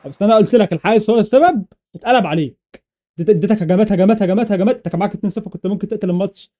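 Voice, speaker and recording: A young man with an Egyptian Arabic accent giving excited live commentary over his own football video game matches, rattling off repeated exclamations. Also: sits high. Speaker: gaming YouTuber.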